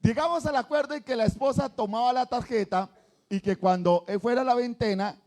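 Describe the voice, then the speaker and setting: A man preaches a sermon in a church. His voice sits high for a man. He talks animatedly and acts out what churchgoers say. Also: a little fast, darkish tone. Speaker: pastor.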